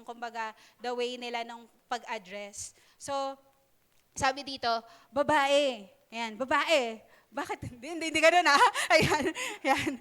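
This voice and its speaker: A young woman gives a chatty sermon with a high, smooth voice. She talks in a halting, casual way, full of fillers, and now and then breaks into playful asides. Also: a bit bright. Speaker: preacher. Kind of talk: sermon in Taglish.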